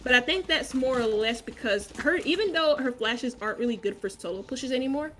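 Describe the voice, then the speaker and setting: A woman's voice: sits high, lively intonation, a little fast, a bit bright, slight background noise. A woman giving analytical commentary as an esports caster.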